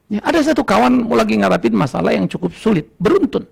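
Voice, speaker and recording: An older man preaching a sermon. He swings between loud outbursts and low asides and laughs often. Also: animated, fast, creaky, slightly rough. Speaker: pastor. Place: church hall.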